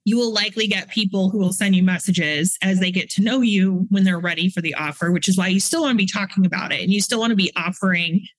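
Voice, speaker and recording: Woman, guest coach, casual interview, advice-giving, fillers, mid pitch, dry. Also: fast, few pauses, no echo, poor audio. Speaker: guest, online community coach.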